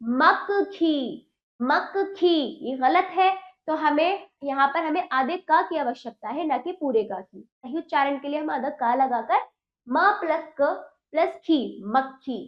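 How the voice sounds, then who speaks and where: High-voiced woman teaching children. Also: expressive, echoey room, lo-fi sound. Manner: slow, over-enunciated syllables for pupils; asks questions and answers them herself. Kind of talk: Hindi grammar lesson for children.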